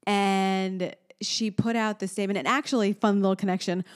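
A young woman co-hosting a casual chat, excitable and quick to gush, leaping up in pitch when delighted. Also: clear, resonant tone. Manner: chatty and excitable, jumps high when delighted.

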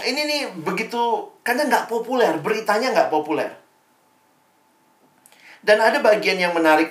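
A man's voice: on the high side, a bit bright. A young man giving a casual devotional talk to a campus fellowship, chatty and informal, with slangy asides and tag questions. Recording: echoey room.

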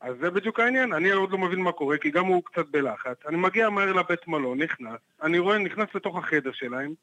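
A man, a private investigator guest on a podcast, telling a story in a lively, animated way and acting out the dialogue. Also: low-quality recording. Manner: animated, acts out the dialogue with jumps in pitch.

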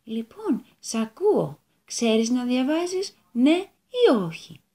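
A woman voicing a calm, serious holy boy who examines a pupil, speaking softly and slowly with quiet authority in a children's story. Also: high-pitched, voice pushed up. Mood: expectant. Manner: soft, slow and calmly authoritative.

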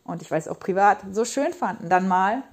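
A woman's voice: medium pitch, expressive, normal speed, darkish tone. Lady in her 30s doing a solo podcast, passionate and rambly, keeps repeating words for emphasis. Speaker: podcast host and parenting coach. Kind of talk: casual monologue podcast. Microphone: podcast microphone.

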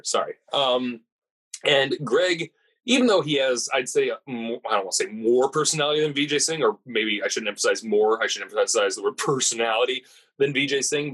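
A man with a husky, mid-pitched voice talks casually on his podcast, spinning a meandering caddie story. He keeps interrupting himself with asides and corrections, and his delivery stays loose and conversational. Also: fairly bright tone, low-quality recording. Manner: digressive, chatty, with self-correcting asides. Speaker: podcast host and golf caddie. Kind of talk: casual rambling anecdote.

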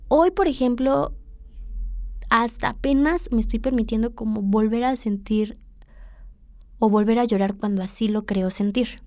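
A Mexican woman hosts her own podcast in a candid, confessional monologue, speaking directly to the listener. Her voice sits a little high. The recording is dry, with no room sound around her. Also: a little slow, pauses often, a little mellow, dry recording. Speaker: podcast host. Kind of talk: reflective personal monologue.

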